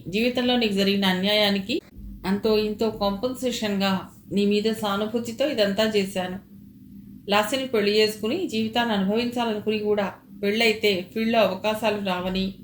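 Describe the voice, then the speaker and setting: A woman reading aloud, voicing a hot-tempered man who shouts accusations, recorded with a roomy echo. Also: mid-range voice, a little hiss or hum, lightly acted.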